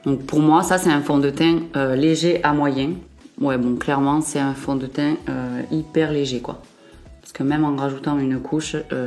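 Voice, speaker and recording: A woman's voice: sits low, a little mellow. A young woman vlogger chatting casually through a makeup review, with frequent fillers and self-corrections. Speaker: beauty vlogger.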